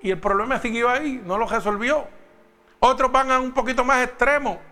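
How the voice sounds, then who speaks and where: A man's voice: extremely high pitch, fairly even intonation, brisk, bright, forceful tone, soft background music. A man preaching a sermon, talking straight to the congregation with emphatic questions.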